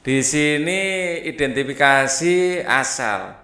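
A man's voice: medium pitch, animated, slow pace, pushed and bright. A man teaching a primary school lesson, reading the textbook aloud with chatty asides. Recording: echoey room.

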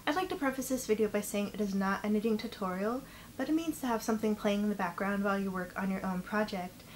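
A woman's voice: mid-range voice, quick pace. A young woman talking casually to camera as a vlog host, chewing gum so her words come out slightly mushy. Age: young adult. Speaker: knitting vlogger and host. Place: indoor living room, seated by a couch. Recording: clear background room noise.

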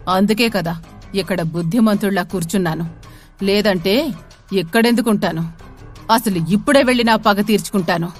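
A woman's voice: medium pitch, moderate pace, long pauses, faint music behind, natural voice. A woman voicing a drunk man bent on revenge, defensive and slurring.

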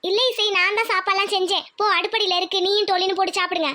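A woman's voice: very high voice, steady tone, rapid-fire, bright, forceful tone. A woman voicing a young village bride in a homemade cartoon, pleading and tearful. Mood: kind. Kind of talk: cartoon voice acting.

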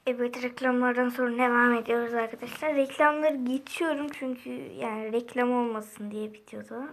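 High-voiced woman doing game commentary. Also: moderate pace, background noise. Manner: frustrated, muttering to herself to calm down. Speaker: gameplay video creator. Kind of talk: casual gameplay commentary.

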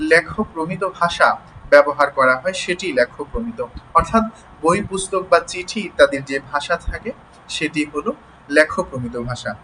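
A man's voice: a little high, sharp tone, a little hiss or hum, poor audio. A man teaching an online class. He explains patiently, spells words out sound by sound, and keeps checking that his students follow. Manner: explains slowly, checks in with "ঠিক আছে?".

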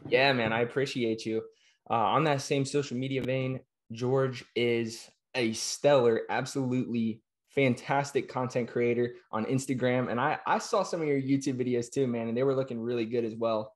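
A young podcast host in his twenties holds a casual video-call interview from a small room at home. Upbeat and friendly, he gives quick affirmations in a steady, medium-pitched voice. A webcam or laptop mic captures him.

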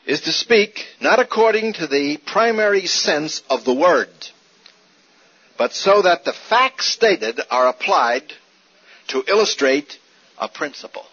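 A male Bible teacher with a high, husky voice speaks slowly as he teaches Scripture in a sermon. He's animated, hammering his points home with rhetorical questions and repetition. The older recording sounds dull.

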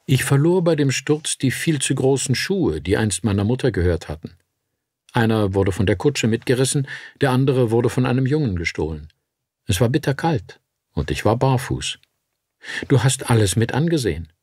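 Male reader playing a cold, accusing ghost of a little match girl, husky voice, dry sound. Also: medium pitch, expressive, moderate pace, a little mellow, no echo.

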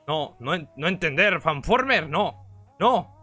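A man's voice: a little high, very animated, measured pace, pushed and bright, exaggerated voice. A man voicing a frightened, simple-minded primitive monster who grunts and stammers in broken caveman speech during a game roleplay. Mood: confused.

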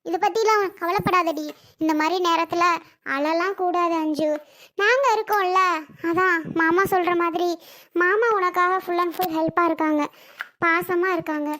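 Lady doing squabbly chatty aunties in a family skit, very high and bright, lots of exclaiming. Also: steady tone, normal speed. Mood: tearful. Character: bickering, tearful women relatives at a family function. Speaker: performer voicing several women relatives.

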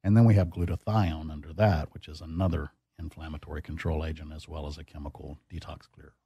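A man's voice: a bass voice, little pitch movement, fast, mellow, breathy edge, no echo, dull audio. A man, a doctor as guest expert, explaining in a teacherly way and quizzing the host with questions. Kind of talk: explanatory interview.

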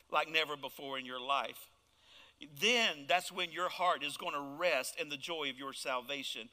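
A man's voice: a little high, sharp tone, long reverb tail. A man preaching a fervent sermon as pastor, throwing out call-and-response asides to his congregation. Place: church.

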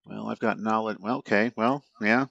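A man's voice: on the low side, steady tone, moderate pace, gravelly, fairly bright tone, muffled recording. A man chatting casually as a player in a tabletop game, thinking aloud hesitantly.

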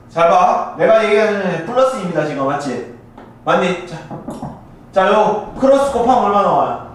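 A man with a Gyeongsang Korean accent teaching a math class, recorded on a camcorder in a classroom, who walks through each step and keeps checking that the students follow. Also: high-pitched. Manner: checks in with students after nearly every step. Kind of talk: classroom lecture. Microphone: camcorder in the room. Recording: echoey classroom from far off, faint hiss.

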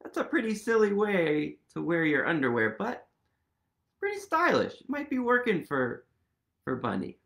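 A storytime reader in his thirties, recorded in a small home room, brings a children's picture book to life with playful amazement and questions aimed at the kids. His voice is on the high side, sing-song, creaky, and a bit bright, at an ordinary speed.

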